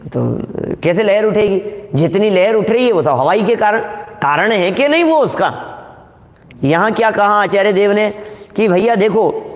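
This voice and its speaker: A man with a fairly high voice gives a scripture discourse to a gathered audience. He explains each point patiently and keeps turning questions back to his listeners, his words trailing into a long hall reverb. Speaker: scripture teacher.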